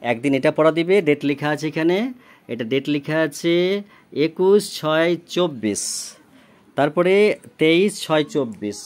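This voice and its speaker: A man's voice: fairly high pitch, lively intonation, unhurried, long pauses. A man, tutoring a child in a recorded homework lesson. He spells words letter by letter, gives their meanings, and keeps asking whether the child understands. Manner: often checks understanding with questions.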